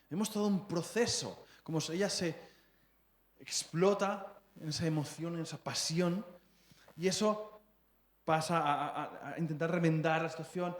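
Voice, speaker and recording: A man in his thirties with a Spanish accent preaching a sermon, chatty and prone to repeating words as he checks in with the congregation. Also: a little high. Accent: Spain. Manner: conversational, often checks in with the congregation; stumbles and repeats words while searching for phrasing. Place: church hall. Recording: echoey church hall.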